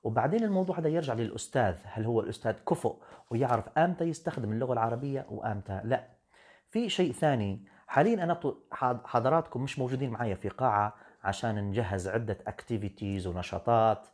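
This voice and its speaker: A man's voice: medium pitch, expressive, fast talker, darkish tone. A man, an English teacher talking on a live stream, firm and lecturing, slipping into English now and then. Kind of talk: live-stream talk answering comments.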